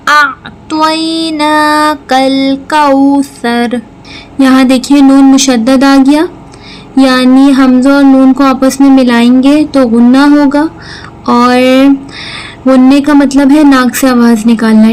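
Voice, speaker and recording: A woman's voice: high voice, a little mellow, slight background noise, poor audio. A woman teaching Quran recitation, patiently explaining each sound step by step and repeating words. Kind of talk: slow tajweed lesson with recitation.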